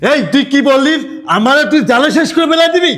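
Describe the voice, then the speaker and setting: A man acting an angry, taunting husband in a short film, shouting and goading with repeated interjections. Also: very high voice, quick pace. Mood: furious. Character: angry man posing as sweeper, the returned husband.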